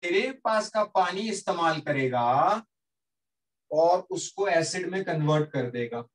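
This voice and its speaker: A man teaching a classroom lesson, turning it into a story and asking students to confirm they follow. His voice is high. He sounds distant from the mic in the room. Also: measured pace. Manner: lively, keeps checking with students. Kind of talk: classroom lecture told as a story.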